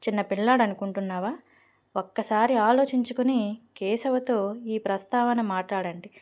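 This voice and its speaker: A woman's voice: fairly high pitch, moderate pace, darkish tone, close to an everyday voice. A woman voicing an angry young man who argues heatedly with his father in an audio novel. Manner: heated, insistent, repeats himself.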